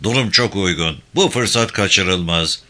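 A man's voice: low voice, slow pace, sharp tone, full character voice. A man voicing an earnest young army lieutenant who gives orders eagerly in a story reading. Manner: eager, commanding.

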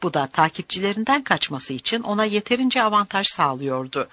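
A narrator reading a novel aloud as an audiobook, in an expressive storytelling manner. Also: medium pitch, brisk.

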